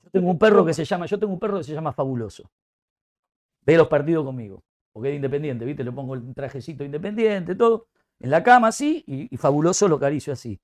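A man with an Argentine Rioplatense accent ranting comically as an excitable, exaggerated football fan. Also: a little high, fast. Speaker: comic talk show host. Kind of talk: comic rant.

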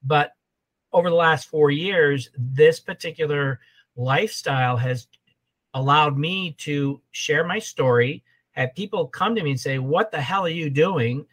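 A man's voice: a little high, measured pace, fairly bright tone, low-quality recording. A man in his sixties, a holistic health coach, talking as a podcast guest and repeating his points in a rambling way. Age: 60s. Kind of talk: casual podcast conversation.

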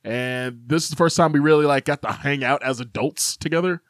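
A man's voice: medium pitch, a little fast, a bit bright, no room sound, studio quality. A young man from Chicago co-hosting a podcast in casual chat, rambling with lots of fillers and easy laughs. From Chicago, United States. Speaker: podcast co-host.

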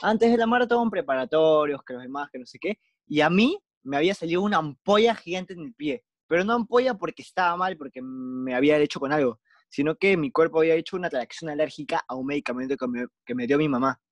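A man's voice: a little high, fast talker, dry recording. Slangy young Peruvian man telling stories. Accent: Peruvian Spanish. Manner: rambling, slangy, animated anecdotes. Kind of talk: casual storytelling chat.

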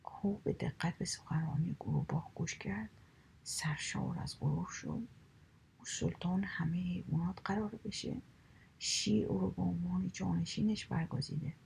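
A woman narrating a children's fable in a slow, hushed whisper. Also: fairly low pitch, steady tone, gravelly, rough recording. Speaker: storyteller. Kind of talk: whispered story reading.

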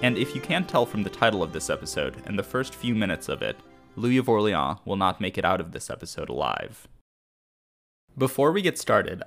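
A man hosting a history podcast, telling the story in a measured, scripted narration. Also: on the low side. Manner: measured storytelling, briefly acting out shouted quotes.

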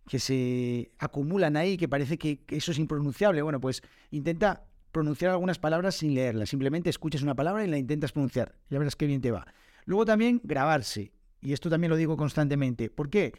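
A man's voice: fairly high pitch, darkish tone, no room sound, clean studio sound. A man, hosting a casual podcast and answering listener questions in an informal, chatty way with fillers and self-corrections. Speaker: podcast host and Spanish teacher.

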